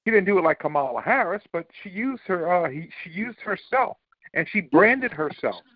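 A man's voice: high voice, big pitch swings, moderate pace, dry recording. A man on a political talk panel who argues emphatically and often restarts his sentences. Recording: dull lo-fi dry recording.

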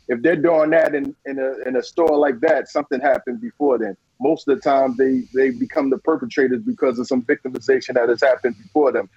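A man guesting on a radio interview, speaking earnestly about his community work and often circling back with "you know". His voice is husky and mid-pitched, heard dry and slightly muffled as if over a dull line. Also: darkish tone, dry recording. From New Jersey. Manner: earnest, repeats words, frequent "you know". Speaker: guest, community leader and victim advocate.

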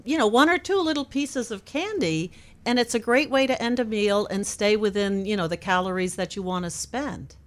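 Woman radio guest, upbeat and encouraging, mid-pitched, studio mic. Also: normal speed. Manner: upbeat, encouraging, laughs easily. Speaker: weight loss program manager, radio guest. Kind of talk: casual radio interview advice.

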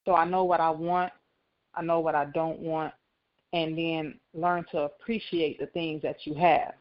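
A woman's voice: low voice, level tone, measured pace. Woman on a clipped phone line. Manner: reflective, earnest, with some restarts. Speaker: radio show guest on the line. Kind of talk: call-in radio chat.

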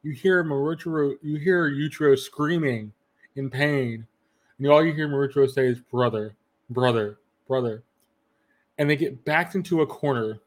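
On his casual podcast about anime, the host speaks at normal speed in a voice on the high side. He relives scenes with quoted dialogue, restarting his lines many times.

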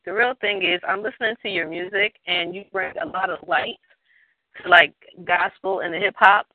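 A woman's voice: mid-range voice, no room sound. Effusive woman chatting over a tinny phone line. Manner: effusive, rambling. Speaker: show guest. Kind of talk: casual chat.

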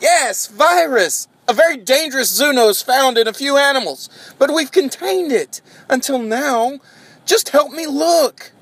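A shrill, short-tempered scientist bellows and frets in a high, strained voice, as a man acts him out. He blusters at everyone, exasperated and self-important, in a slow, overstated storybook read. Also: animated, a bit bright, no room sound, full character voice. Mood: impatient. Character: excitable cranky male scientist.

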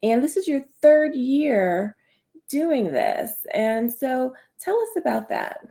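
Chatty, fairly high-voiced woman host. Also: lively intonation, takes it slowly, warm tone. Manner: chatty, laughs often, many fillers and restarts. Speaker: radio show host. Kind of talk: casual interview.

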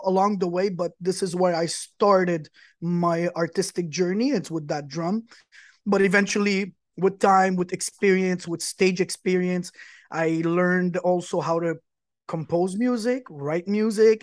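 A Quebec musician appears as a guest on a talk show, telling long stories about his career with real eagerness in a casual interview chat. His voice is high, and the recording is clean studio sound with no room noise.

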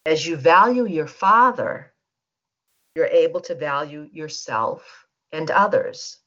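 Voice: medium pitch, expressive, slow pace, bright, forceful tone. A facilitator leading a guided energy-healing session, speaking in a soothing way and prompting listeners to repeat statements. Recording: dull lo-fi teleconference line.

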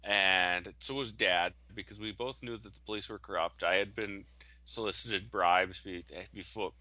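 Bright-voiced man telling a rambling story. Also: lowish voice, fairly even intonation, normal speed, no echo, rough recording. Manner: rambling storyteller, full of restarts. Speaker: podcast co-host. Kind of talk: casual chat.

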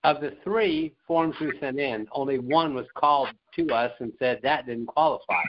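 A middle-aged man chats easily as a guest, laughing along with the others. his voice is at a middle pitch and comes through somewhat dull call audio. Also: normal speed, background noise. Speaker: guest author. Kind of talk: casual call-in chat.

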